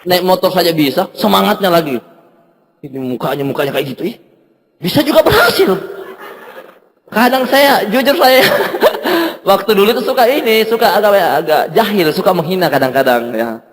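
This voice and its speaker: A man tells a motivational story to a seminar crowd, with a very high voice that leaps around, acting out both sides of each exchange and laughing often. His voice rings with a long reverb from a large hall. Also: moderate pace. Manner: animated, laughs often, acts out dialogue. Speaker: guest speaker at a business seminar.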